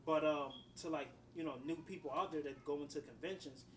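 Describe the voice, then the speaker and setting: A man's voice: a little high, steady tone, a little fast, recorded from a distance, rough recording. A man co-hosts a casual podcast, his slightly raised voice sounding set back from the microphone. He rambles along, leaning on fillers. A faint hiss runs underneath. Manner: rambling, many fillers like "you know" and "whatnot". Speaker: podcast co-host, writer.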